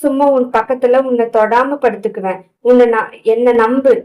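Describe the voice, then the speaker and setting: A woman reading an audio novel, voicing a frightened, tearful young wife who pleads in drawn-out words. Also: fairly high pitch, fairly even intonation, muffled recording, lightly acted. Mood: reassuring.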